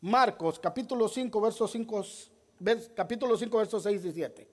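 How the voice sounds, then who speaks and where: A man's voice: sits high, normal speed. A male pastor preaching a sermon, emphatic, firing rhetorical questions at the congregation and repeating key phrases. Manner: repeats key phrases, addresses listeners as brother.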